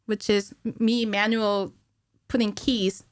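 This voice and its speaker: Her mid-range voice holds a level tone as this guest, a cinematic animator, explains her technical work in a casual podcast interview, speaking in a halting way. The recording is dry, made indoors in a small curtained studio on a boom-arm mic, with headphones on.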